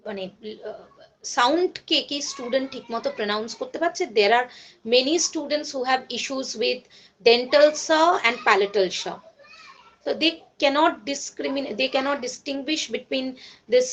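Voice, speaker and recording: Slow, high-voiced woman lecturing with a Bengali accent. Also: fairly bright tone. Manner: switches between Bengali and English, many fillers and self-corrections. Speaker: college lecturer. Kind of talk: classroom lecture.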